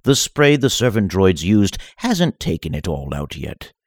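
A man voicing a gracious male dark lord playing host in a story reading, smooth and courtly. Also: deep voice, sing-song, unhurried, no room sound, clean studio sound, exaggerated voice.

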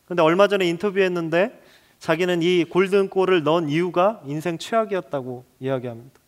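A male pastor delivering a dramatic sermon, dropping to a hush and then building to loud, pleading passages. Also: high voice, fairly quick. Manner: dramatic, shifting between hushed and loud passages.

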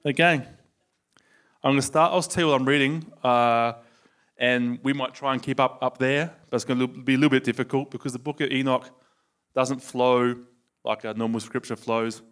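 An Australian man teaching a sermon to a live audience in a lively, conversational way, asking them questions. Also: medium pitch, normal speed. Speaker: preacher.

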